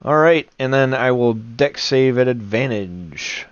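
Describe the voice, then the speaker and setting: Slow-paced man running a tabletop game. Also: medium pitch, lively intonation, lo-fi sound, slight background noise. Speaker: game master. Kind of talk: casual tabletop game narration.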